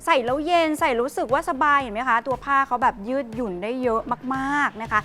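A woman giving a fast, hype live home-shopping pitch in a polite, emphatic, persuasive way. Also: sharp tone, a little hiss or hum.

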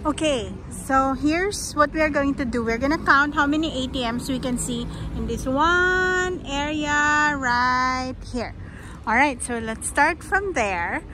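A woman's voice: high-pitched, measured pace, bright, forceful tone, a little hiss or hum. A Filipino woman in her thirties narrating a casual walking vlog in English mixed with Tagalog, filmed on a phone outdoors. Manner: chatty, switches between English and Tagalog. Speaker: vlogger walking with her daughter. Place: old town streets outdoors at night and day. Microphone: phone camera held by the walker. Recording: music playing behind.

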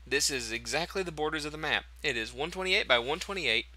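A man's voice: on the high side, animated, brisk, pushed and bright. A man hosting a casual game tutorial, chatty and thinking aloud as he corrects himself. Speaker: tutorial host.

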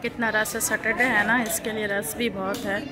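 A woman's voice: mid-range voice, little pitch movement, moderate pace. A woman in her thirties chatting to her viewers in a casual shopping vlog, filming herself on a phone held at arm's length while she walks through a busy indoor mall. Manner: chatty, addresses viewers directly while walking. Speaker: vlogger. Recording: loud crowd and mall noise. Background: crowd chatter and mall noise.

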